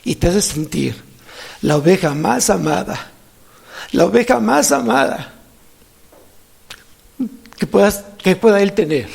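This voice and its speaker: A man with a Mexican Spanish accent preaching as a pastor in a church, animated, repeating phrases for emphasis. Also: sits high, slow pace, creaky, long pauses, slightly rough. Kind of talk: sermon.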